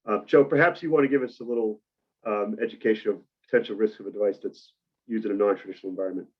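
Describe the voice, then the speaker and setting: A man with a Boston accent presenting on a webinar, measured and explanatory, with frequent uhs. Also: on the low side, steady tone, muffled recording. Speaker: industry presenter. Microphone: video call mic.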